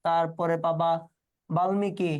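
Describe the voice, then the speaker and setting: A man runs an exam-prep class in a relaxed, colloquial way. He fires questions at his students and echoes their answers back as he goes. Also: on the high side, measured pace, clean tone. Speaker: teacher.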